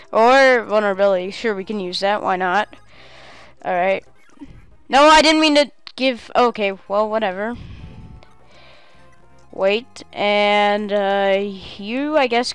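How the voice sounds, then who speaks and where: Excitable woman narrating her game. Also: medium pitch, smooth, no echo. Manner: excitable, self-talking, outbursts of cheering. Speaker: gamer playing a game on video. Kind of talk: casual game commentary.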